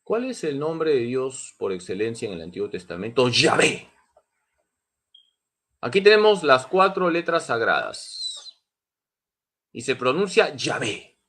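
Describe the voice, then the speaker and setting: A man's voice: medium pitch, sing-song, unhurried, fairly bright tone. A man, a priest, teaching a catechism class, emphatic and repeating key points as he addresses his listeners as brothers.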